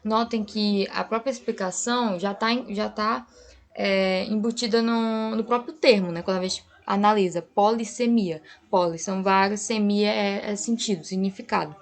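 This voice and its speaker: A woman's voice: mid-range voice, steady tone, normal speed. A young woman teacher giving a patient online grammar lesson, often checking in with her students. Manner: patient, explanatory, frequent "tá?" checks. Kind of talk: online class lecture.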